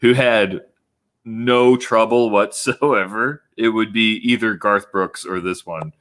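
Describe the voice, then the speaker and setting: A man's voice: lowish voice, steady tone, slow, fairly bright tone. A man co-hosting a podcast in casual chat, joking and acting out quotes. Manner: dry, joking, acts out quotes. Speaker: podcast co-host.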